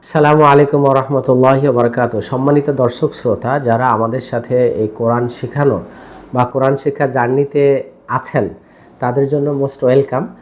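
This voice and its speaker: Man, Quran teacher, lesson, slow chanted drills, questions and answers, middle-pitched voice. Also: steady tone.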